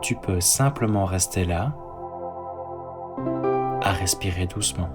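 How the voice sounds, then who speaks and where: A man leading a guided sleep meditation and bedtime story, speaking softly and calmly. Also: sits low. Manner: slow, soft, calm guiding delivery. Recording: soft ambient synth music underneath.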